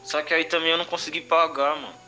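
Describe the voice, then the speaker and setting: A man's voice: a little high, flat delivery, fast talker, sharp tone, soft background music. A man with a Brazilian Portuguese accent from São Paulo tells personal stories casually, podcast style, in heavy street slang with frequent conversational tags. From Brazil, urban periphery. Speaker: comedian interview guest.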